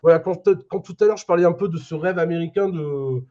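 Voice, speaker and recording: A guitarist chats in a band interview, tumbling through his words fast and full of restarts. His voice is mellow and dark, heard on muffled lo-fi audio. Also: fairly high pitch. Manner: animated, lots of restarts.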